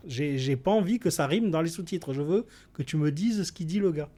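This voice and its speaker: A man's voice: on the high side, lively intonation, brisk, dark tone. A man on a podcast panel, giving his opinions bluntly and with emphasis. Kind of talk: casual debate chat.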